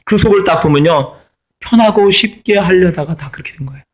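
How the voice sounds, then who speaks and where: A man's voice: high-pitched, a little fast. Emphatic middle-aged male pastor preaching. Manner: emphatic, repeats key phrases. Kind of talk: sermon.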